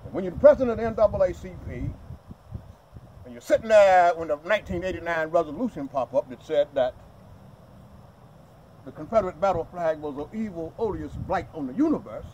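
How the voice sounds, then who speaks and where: At a memorial gathering outdoors in a cemetery, an older man from the Southern United States gives an impassioned, folksy speech, speaking animatedly and directly to the crowd. His voice is high and his pace brisk. The recording has its highs cut off and carries a little hiss or hum.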